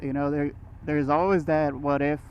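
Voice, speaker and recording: A man's voice: fairly high pitch, level tone, normal speed. A man who grew up in Brazil, talking casually and rambling as he rides a motorcycle through city traffic, recorded on a helmet mic. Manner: rambling, with restarts and short laughs. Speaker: motorcycle vlogger. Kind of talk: casual riding commentary. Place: riding a motorcycle on city roads. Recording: muffled helmet audio with road noise.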